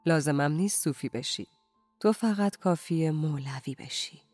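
A narrator voicing a calm, gentle male Sufi mystic who speaks softly and reflectively, over faint music. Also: mid-range voice, no echo, close to an everyday voice. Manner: soft-spoken, slow and reflective. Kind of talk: audiobook character reading.

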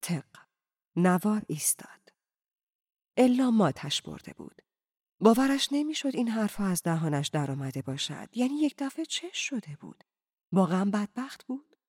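Audiobook narrator, measured and calm with whispered moments; mid pitch, dry close recording. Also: no echo. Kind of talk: scripted narration.

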